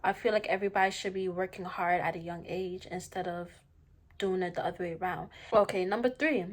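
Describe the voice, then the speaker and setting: A young adult vlogger delivers a slangy, emphatic opinion monologue to viewers during a mukbang, repeating phrases to hammer her points home. Her voice is lowish, with fairly even intonation and a slightly fast pace.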